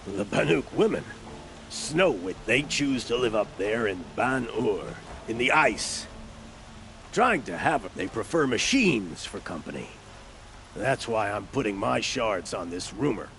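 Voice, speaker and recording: A man's voice: fairly low pitch, very animated, unhurried, gravelly, a bit bright, a little hiss or hum, full character voice. An actor playing a greedy, shifty male merchant who wheedles, stammers and sells himself as an opportunist, in video game dialogue. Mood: scheming.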